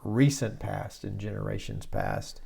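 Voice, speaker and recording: A soft-voiced man talking casually and haltingly as the host of a church discussion, like a pastor. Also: lowish voice, huge pitch swings, vocal fry, breathy edge.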